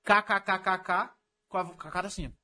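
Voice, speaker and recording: A young man co-hosting a casual chat, slangy and animated, full of filler tags. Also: high voice, a little slow. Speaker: podcast co-host.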